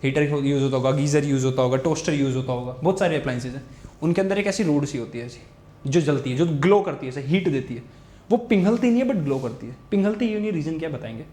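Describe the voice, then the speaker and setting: A young man teaching a physics lesson, quick and repetitive, urging students to watch closely. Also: a little high, expressive, dark tone. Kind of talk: fast Hindi tutoring lesson with board writing. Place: room, recording a class video. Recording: echoey room.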